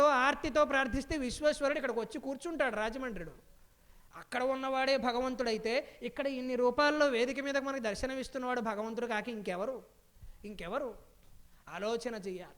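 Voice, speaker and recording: Young man, very high voice, smooth and resonant, spiritual discourse, chants verses slowly, rhetorical questions. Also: fairly bright tone. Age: young adult. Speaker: spiritual speaker. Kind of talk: Telugu spiritual discourse with storytelling. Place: stage before a live audience.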